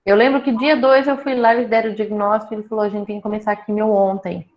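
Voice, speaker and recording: A woman telling her own cancer story in a casual talk, lively and joking as she acts out what people said. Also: mid-range voice, fast. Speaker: breast cancer patient sharing her story. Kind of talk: casual conversation. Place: small town in Brazil. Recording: dull lo-fi sound.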